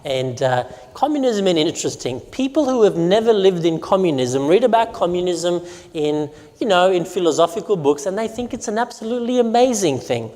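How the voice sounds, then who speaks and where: Heard through long hall reverb, a pastor from Romania tells stories and poses questions to his audience during a sermon presentation. He sits high in pitch, sounding sing-song and warm, and speaks a little fast.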